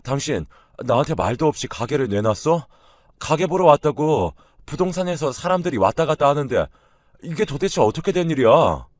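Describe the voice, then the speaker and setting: A man voicing a defensive, arrogant husband who snaps back loudly and dismissively at his wife in a read-aloud story. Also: a little high, sing-song, fairly quick, no echo, voice pushed up. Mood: indignant. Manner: loud, indignant and dismissive.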